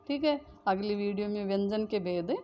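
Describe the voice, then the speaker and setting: A woman's voice: medium pitch, lively intonation, normal speed, mellow, highs cut off, a little hiss or hum. A woman teaching Hindi grammar, who asks the class questions and answers them herself, repeating the key terms. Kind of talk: classroom lesson.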